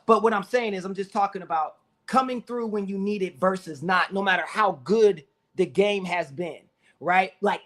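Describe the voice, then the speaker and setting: A man with a fairly high voice chats casually as co-host of a sports talk show. He tells stories with animation and acts out what his friends said. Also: a bit bright.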